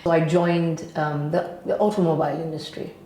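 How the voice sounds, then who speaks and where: A woman's voice: deep voice, steady tone, normal speed, dark tone, slight background noise. A woman from Ghana, a guest from the energy industry, giving chatty interview answers with fillers and restarts. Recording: echoey room.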